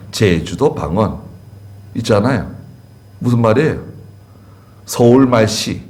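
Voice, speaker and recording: In a church sanctuary, a male pastor with a fairly low, slightly mellow voice preaches a conversational sermon. He repeats key words and puts questions to the congregation.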